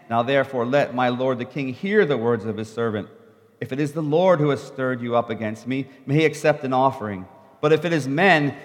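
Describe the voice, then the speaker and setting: A man preaching a sermon. He reads scripture aloud in measured steps and lifts his voice in the quoted speech, pausing so an interpreter can follow. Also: mid-range voice. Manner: measured Bible reading that rises in the quoted speech. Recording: long hall reverb.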